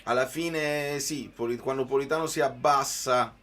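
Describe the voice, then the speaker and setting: A man's voice: mid-range voice, steady tone, moderate pace, a bit bright. A man giving live football commentary mixed with informal, conversational chat to viewers.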